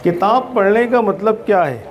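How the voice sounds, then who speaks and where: This one features a high voice with lively intonation and a moderate pace, as a man gives schoolchildren an outdoor pep talk. He quizzes the crowd and calls them "beta" warmly, and the audio has a roomy echo with slight background noise.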